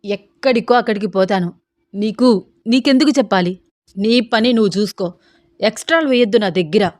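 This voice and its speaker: A woman voicing a heartbroken young male doctor who drinks and smokes, gruff and dismissive. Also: medium pitch, brisk, a little mellow, dry recording, clean studio sound, close to an everyday voice. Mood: bitter, angry.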